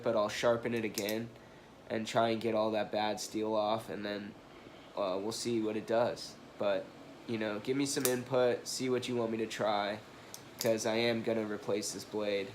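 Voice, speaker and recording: Pitched fairly low and delivered flatly at a moderate pace, this man's voice comes from a knife review vlogger congested by a cold or allergies. He wanders apologetically through an informal review packed with fillers and false starts, over slight background noise.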